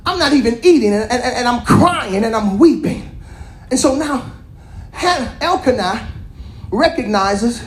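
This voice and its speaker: A woman preaching a sermon, teasing and calling out to the congregation, swinging between shouted lines and quiet asides. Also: on the high side, unhurried, echoey room. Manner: lively, calls out and teases the congregation.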